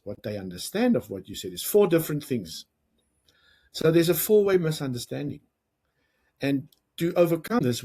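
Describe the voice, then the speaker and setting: South african guy coaching parents, kinda raspy, chatty and animated. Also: mid-range voice. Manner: lively, conversational, jokes and acts out quoted lines. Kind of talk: educational talk to camera.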